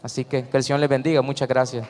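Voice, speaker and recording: A man's voice: mid-range voice, little pitch movement, fast talker, darkish tone. A man with a Salvadoran accent giving an earnest personal testimony to a congregation, telling his story with acted-out quotes. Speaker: church member giving testimony. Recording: reverberant church hall.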